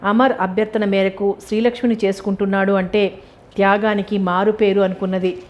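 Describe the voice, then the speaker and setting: A woman's voice: mid-range voice, a little fast, highs cut off. Woman narrating a novel aloud. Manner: steady, expressive reading. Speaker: novel reader. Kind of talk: storybook narration.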